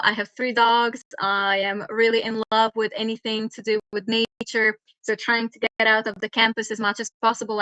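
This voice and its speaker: Bright woman speaker. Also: mid-range voice, no room sound, low-quality recording. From Hungary. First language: Hungarian. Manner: earnest, with frequent hesitations. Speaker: guest speaker, startup mentor. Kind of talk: online talk presentation.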